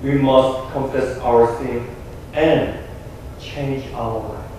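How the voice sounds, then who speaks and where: A young man with a Korean accent, a pastor delivering an earnest, emphatic sermon with deliberate pauses. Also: medium pitch, fairly even intonation, a little mellow, slight background noise. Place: small church sanctuary. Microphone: room mic from a distant camera. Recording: echoey church from far off.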